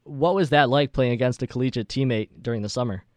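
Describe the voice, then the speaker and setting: A man's voice: mid-range voice, fast, a little mellow, no room sound. A man hosting a sports show, talking conversationally through interview questions and soccer commentary in a wordy way.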